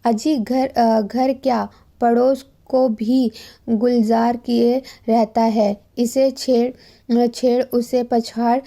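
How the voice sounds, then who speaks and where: A woman's voice: a little high, flat delivery, extremely slow, creaky, dark tone, full character voice. A woman reading the lines of a chatty male neighbour, drawing out her words. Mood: amused.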